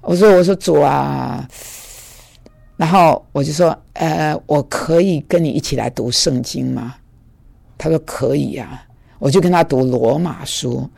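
A man telling a conversion story in a sermon, acting out the dialogue and stammering when excited. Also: a little high, a little slow, vocal fry, slightly rough. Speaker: preacher giving testimony.

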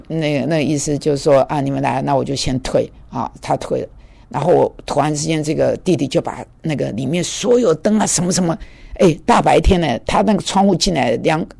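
A man telling a conversion story in a sermon, acting out the dialogue and stammering when excited. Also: on the high side, creaky. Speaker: preacher giving testimony.

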